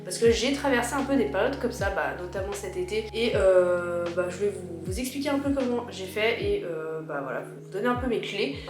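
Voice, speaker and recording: A woman with a slightly worn voice gives chatty, informal personal advice to her viewers in a casual vlog. Her mid-range voice is animated, at normal speed with hardly any pauses, recorded with roomy echo and music behind it.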